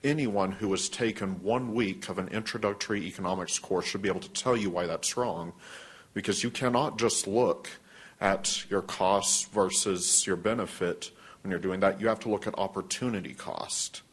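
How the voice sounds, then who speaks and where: A young man speaks at a council podium, his voice a touch low. He lectures the council, stopping often on hesitations. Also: normal speed, slightly rough. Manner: lecturing, hesitant with many uhs. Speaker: public commenter. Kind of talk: argumentative public comment. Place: city council chamber.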